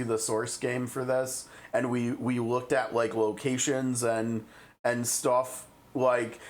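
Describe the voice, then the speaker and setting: A man with a Midwestern American accent hosts a casual live game stream. He talks in a chatty way at a middle pitch, thinking aloud as he goes. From Midwestern United States.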